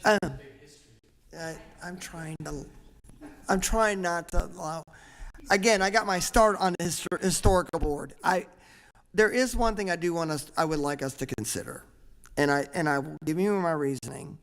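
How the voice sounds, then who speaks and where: A man's voice: a little high, moderate pace, fairly bright tone. A man on a charter commission, earnestly explaining his reasoning at length in a public meeting discussion. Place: large council chamber. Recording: echoey meeting room.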